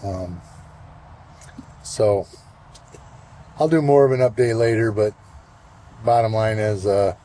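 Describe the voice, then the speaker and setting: A man in his sixties giving a casual vlog check-in outdoors, talking in a relaxed, rambling way with plenty of fillers. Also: on the low side, slow, pauses often. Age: 60s. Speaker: vlogger. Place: outdoors, walking and at a golf course.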